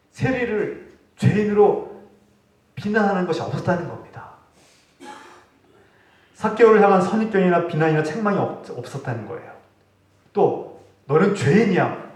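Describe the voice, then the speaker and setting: Preaching pastor in an echoey church. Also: male voice, sits high. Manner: earnest preaching, voice rising for acted rebukes, dropping for quiet points. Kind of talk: sermon. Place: church sanctuary. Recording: echoey hall, distant mic.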